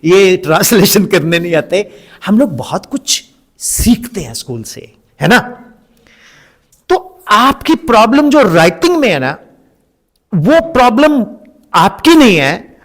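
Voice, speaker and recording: Animated man leading a teacher workshop. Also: high voice, low-quality recording. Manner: animated, acts out quick dialogue snippets. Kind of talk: lively teacher-training talk. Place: school hall.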